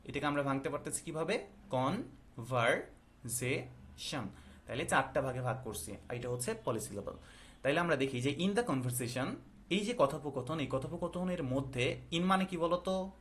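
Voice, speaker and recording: A male English teacher, explaining slowly and asking the class questions. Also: fairly high pitch, slight background noise. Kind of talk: classroom lesson.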